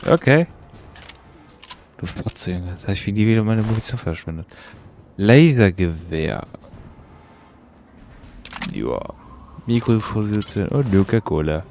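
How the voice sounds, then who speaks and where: A man's voice: fairly low pitch, very animated, a little slow, pauses often, a little mellow, a little hiss or hum. A young man giving casual, slangy let's-play commentary and swearing at the game. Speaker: gaming YouTuber.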